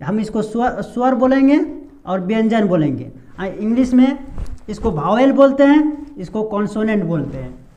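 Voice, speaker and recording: A man's voice: sits high, big pitch swings, normal speed, mellow. A man giving a whiteboard pronunciation lesson as an English teacher, asking rhetorical questions and repeating sounds.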